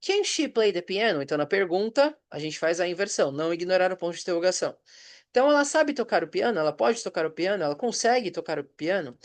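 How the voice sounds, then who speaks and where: A Brazilian man who teaches English, giving a patient recorded review lesson. He reads example sentences slowly and checks in with short questions. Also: sits high, lively intonation. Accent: Brazilian Portuguese.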